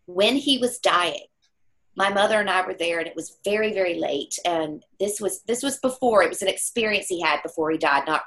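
A middle-aged woman telling a personal story in conversation, acting out the voices of the people she quotes. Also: on the low side. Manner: animated storyteller who acts out quoted voices.

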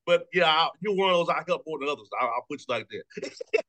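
A man in his thirties, a sports radio host, talking fast and casually, repeating words and laughing often. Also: fairly high pitch, animated, pushed and bright. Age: 30s. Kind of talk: casual sports talk interview.

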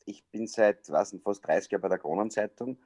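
On a video call, a middle-aged Austrian sports journalist and comedian chats and tells stories, hesitating often. His voice is on the low side, fairly quick and darkish, recorded cleanly with studio sound and no echo.

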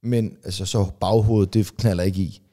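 A comedian co-hosting a podcast, telling rambling family anecdotes full of fillers and restarts. He briefly acts out relatives in quick, raised voices. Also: on the low side, steady tone, dark tone. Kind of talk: casual chat, storytelling.

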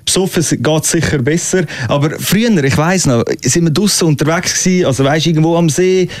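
A man's voice: fairly high pitch, brisk. A man from Switzerland with a Swiss German accent, telling stories in a casual chat.

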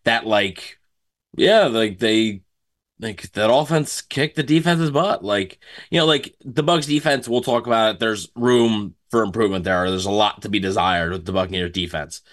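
A male co-host talks through a game casually in a fairly low voice. His delivery is loose and halting, like unscripted conversation. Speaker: sports podcast co-host. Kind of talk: casual post-game analysis chat.

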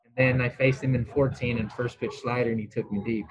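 A man, a former baseball pitcher, telling a story as an interview guest, rambling and swearing freely. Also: a little fast, rough recording. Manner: animated, rambling storyteller who restarts and swears.

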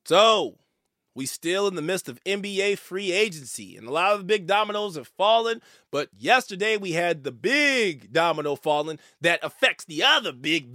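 High-voiced man ranting about sports. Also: no echo, studio quality. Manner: animated, ranting, stammers when worked up. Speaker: sports show host. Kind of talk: opinionated sports commentary.

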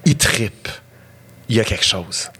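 A middle-aged man with a Québécois French accent, a history professor telling lively anecdotes as a podcast guest. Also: lowish voice, unhurried, slightly rough. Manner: animated, acts out quotes and anecdotes. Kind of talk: casual interview storytelling.

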